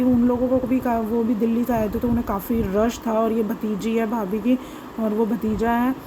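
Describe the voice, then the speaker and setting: A woman vlogger with a hoarse, sore throat, chattily narrating her home footage and often correcting herself as she rambles. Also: a little high, background noise.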